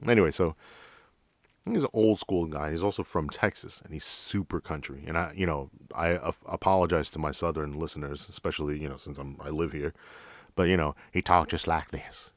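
Deep-voiced blunt New York cop. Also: male voice, fairly quick, no room sound. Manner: blunt, profane and direct. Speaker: podcast host and police officer. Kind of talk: casual storytelling.

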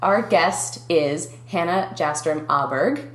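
A young Minnesotan woman hosts a casual podcast, chatty and quick to laugh. Her voice sits a little low and carries some roominess around it. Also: echoey room. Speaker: podcast host.

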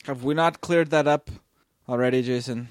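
A man co-hosting a podcast in casual, joking chat, blunt and quick to laugh. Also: mid-range voice, no room sound, studio quality. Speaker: podcast co-host.

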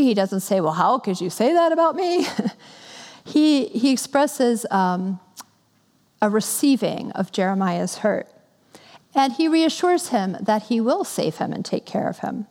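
A woman giving a sermon, reading scripture and then talking it through in a conversational, gently earnest way. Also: medium pitch, expressive, takes it slowly. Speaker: preacher. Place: church. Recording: long reverb in a hall.

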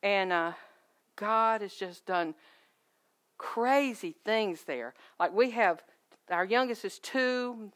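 A middle-aged woman shares her testimony with a church, her voice at an ordinary middle pitch. She tells her stories with lively energy and slips into the voices of the people she quotes. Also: slow. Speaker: guest speaker at a church. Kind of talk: personal testimony.

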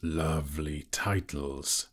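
A man voicing a slow, sly, sneering male dragon in a storybook reading, drawing out each word with mocking menace. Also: very deep voice, steady tone, full character voice.

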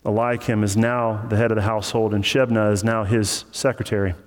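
Casual preacher in a reverberant hall. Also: male voice, lowish voice, little pitch movement, a little fast. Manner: casual, conversational, joking asides. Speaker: pastor. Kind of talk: sermon teaching through scripture. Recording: long reverb of a large hall.

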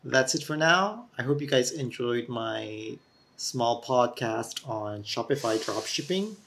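A man's voice: mid-range voice, expressive, slow, a bit bright. A man hosting a solo podcast, explaining steadily in an earnest, lecturing way, recorded on a camera-mounted mic that makes him sound echoey, as if through a tunnel, with some feedback. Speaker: podcast host.

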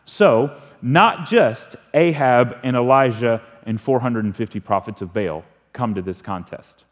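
A man preaching a sermon as a pastor, telling the story with animated swings from loud emphasis to hushed delivery. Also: mid-range voice, a little slow. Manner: animated storytelling preacher, rising and falling in volume. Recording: long reverb of a large hall.

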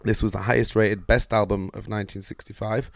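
A man's voice: fairly low pitch, little pitch movement, fairly quick, vocal fry, no echo. A man, co-hosting a casual podcast chat and reading through his notes with lots of fillers. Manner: rambling, reads notes aloud with fillers. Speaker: podcast co-host.

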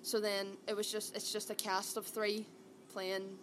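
Interviewed about a play, this young actor speaks with a Derry, Northern Irish accent in a chatty, colloquial style full of "aye" and "like". She has a mid-range voice, a level tone, and a slightly slow delivery, with clearly noisy ambience behind her.

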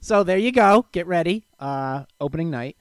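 A man's voice: on the high side, expressive, normal speed, clear, resonant tone, dry recording. A man hosting a podcast in a casual, chatty style, close on the microphone. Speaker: podcast host. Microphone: close studio microphone.

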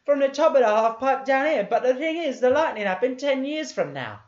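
A man puts on a lost little girl with a thick Cockney accent, shrill and falsetto, in a roomy echoing space. The recording sounds dull. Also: expressive, fairly quick. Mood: bewildered. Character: young girl, lost and bewildered.

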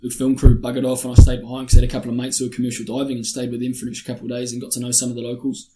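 A man's voice: mid-range voice, monotone, rapid-fire. A man with a broad New Zealand accent chatting casually in a laid-back, slangy, matey way. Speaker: interview guest, spear fisherman and underwater cameraman. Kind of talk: casual chat. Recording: roomy echo, faint noise, clicks.

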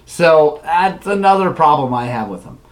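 A man's voice: on the high side, expressive, moderate pace. A man hosting a casual livestream who rambles through a story, laughs often and reads viewer comments aloud. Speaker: livestream host.

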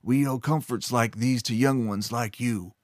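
A man doing a gravelly, stony old horseman. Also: medium pitch, unhurried, dry recording, studio quality, natural voice. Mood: flat. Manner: flat, expressionless delivery. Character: gruff weathered male horseman, older, stony and dry-humored. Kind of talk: storybook narration.

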